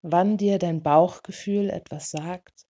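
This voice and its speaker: A woman leading a guided meditation in a soothing, gentle way, in short unhurried phrases. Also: lowish voice, fairly even intonation. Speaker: meditation guide for dog owners.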